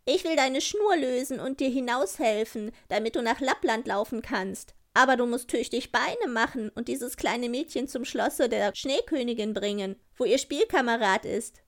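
A woman voicing a wild, bossy little robber girl in a storybook, with a brash, loud manner. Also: a little high, animated, moderate pace, hardly any pauses, pitched above the performer's own voice.

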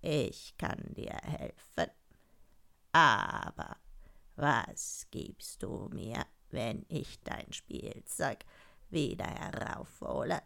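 Woman as storybook frog: very slow, deep, gravelly croak, pleading. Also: very animated, sharp tone, exaggerated voice. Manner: drawn-out, croaky, ends lines with quacks.

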